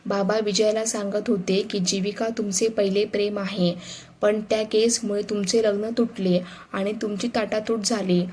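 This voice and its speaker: A woman's voice: medium pitch, flat delivery, moderate pace, darkish tone, a little hiss or hum, natural voice. A woman voicing a young daughter-in-law who pleads and reproaches, in her everyday storytelling voice. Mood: tearful recounting.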